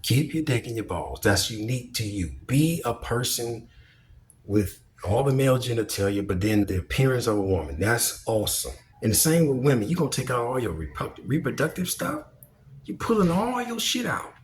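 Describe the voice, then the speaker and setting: A male vlogger gives casual opinion commentary, blunt and emphatic, with plenty of swearing. His mid-range voice has a sing-song lilt at a normal speed, with slight background noise.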